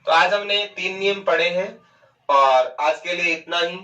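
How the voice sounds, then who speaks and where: A man teaching Hindi grammar in a lecture. He asks questions and answers them himself, and he draws words out slowly to show how they sound. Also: sits high, pushed and bright, far from the mic. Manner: stretches out words to show pronunciation. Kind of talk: classroom lecture. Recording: dull, echoey and off-mic.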